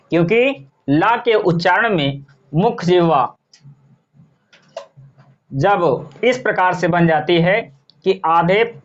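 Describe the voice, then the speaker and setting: Slow, drilling male grammar teacher. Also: fairly high pitch, highs cut off. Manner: asks a question, then answers it himself in drill fashion; spells out sounds and example words one by one. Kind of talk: grammar lesson.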